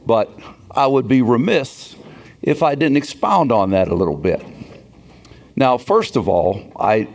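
A man's voice: lowish voice, a little mellow. A man in his sixties from Pennsylvania, emceeing a banquet and telling stories in a folksy way that builds to a punchline. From Beaver Falls, Pennsylvania. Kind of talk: storytelling speech at a banquet.

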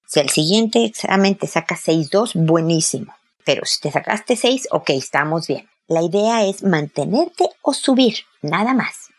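A woman's voice: low voice, husky. A woman gives direct parenting advice to a listener, speaking to her by name and acting out sample conversations. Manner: direct and explanatory, addresses the listener by name, acts out sample dialogues. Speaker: parenting advisor answering a listener. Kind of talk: advice talk addressed to one listener.

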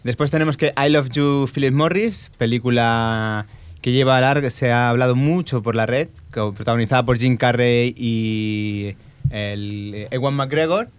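Un copresentador de pódcast con acento de España que cuenta noticias de cine en tono de charla. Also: male voice, mid-range voice, unhurried, smooth, dry recording. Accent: Spain Spanish. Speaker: podcast co-host, film news. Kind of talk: casual podcast chat.

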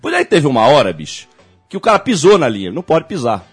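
A man's voice: on the high side, huge pitch swings, fast talker, slightly rough, faint music behind. A man, co-hosting a podcast in a loose, profane, rambling and jokey rant. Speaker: podcast co-host. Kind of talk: ranting casual chat.

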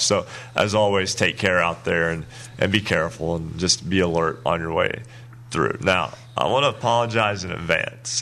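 A man hosts a high school sports radio show, chatty and laughing often. His voice is pushed and bright, yet a little rough from lack of sleep.

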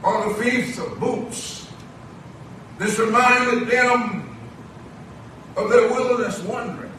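Slow-preaching man in an echoing church. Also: very high-pitched, background noise. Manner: drawn-out preaching cadence with swelling emphasis. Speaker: pastor. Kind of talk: sermon. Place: church sanctuary. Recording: very echoey church recorded from a distance.

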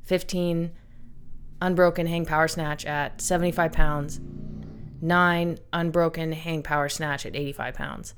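A woman's voice: low-pitched, fairly even intonation, unhurried, a little hiss or hum. A woman co-hosting a podcast in casual conversation, talking through a workout and then interviewing her co-host. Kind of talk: casual chat.

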